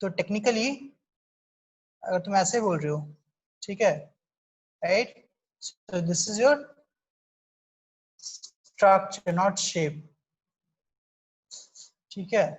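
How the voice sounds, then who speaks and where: A woman's voice: mid-range voice, drawn-out words, long pauses. A woman teaching a chemistry class, explaining step by step and checking in with her students often. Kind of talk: online class lecture, mixing Hindi and English.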